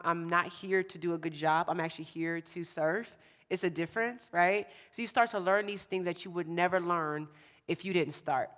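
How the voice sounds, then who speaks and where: Energetic woman giving a motivational talk. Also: fairly low pitch. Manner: energetic, repeats key phrases, chatty fillers. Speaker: motivational speaker. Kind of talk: motivational talk to a youth audience. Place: event hall with a live audience.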